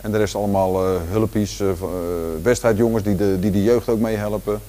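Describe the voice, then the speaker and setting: A man in his forties with a Rotterdam Dutch accent, giving a relaxed walking tour of his large indoor gym, talking casually with lots of fillers and restarts. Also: on the low side, fairly quick. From Netherlands. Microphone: handheld camera following him.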